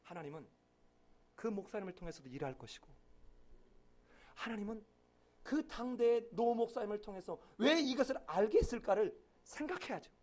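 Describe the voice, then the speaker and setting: A man preaching a sermon as pastor, acting out quoted voices with sudden loud outbursts and dropping to a murmur at the ends of phrases. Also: high voice, big pitch swings, fast, hardly any pauses.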